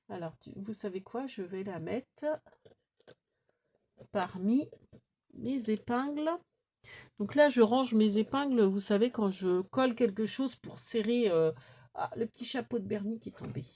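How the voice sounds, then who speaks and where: A woman's voice: fairly high pitch, measured pace, pauses often, dark tone. Gushing woman opening craft mail. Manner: gushing, exclaims over small things; chatty, thinks aloud with fillers. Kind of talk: casual chat to viewers.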